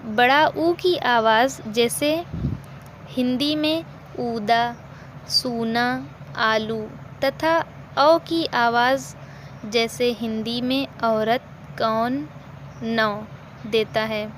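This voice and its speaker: Slow, patient woman teaching a lesson. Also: a little high, slight background noise. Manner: slow, explanatory, repeats examples and asks rhetorical questions. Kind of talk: recorded language lesson.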